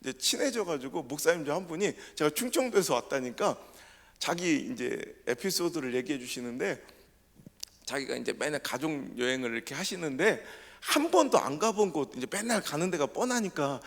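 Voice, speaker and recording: A man's voice: on the high side, lively intonation, fairly quick. A man with a Chungcheong Korean accent preaching a revival sermon, telling his testimony with humor and mimicking dialects. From South Korea. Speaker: pastor. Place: church sanctuary. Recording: reverberant church sanctuary.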